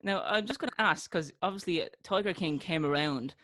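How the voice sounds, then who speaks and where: A man's voice: sits high, animated, fairly quick, bright, forceful tone, dry recording. A man hosting a casual podcast, an eager interviewer who laughs easily. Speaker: podcast host.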